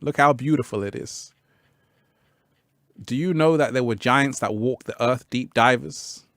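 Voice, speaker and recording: A man's voice: mid-range voice, measured pace, a bit bright, no echo, studio quality. A man hosting a live stream, chatting with viewers and reading their comments in a laid-back way, laughing often and repeating his phrases. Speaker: livestream host.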